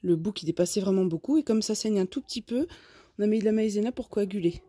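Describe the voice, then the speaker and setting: Husky-voiced woman chatting about her hens. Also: mid-range voice, fast, dark tone. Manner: chatty, explains step by step with many tag questions. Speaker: vlogger keeping chickens and a garden. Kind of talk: casual explanatory chat. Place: outdoors at a chicken coop and garden.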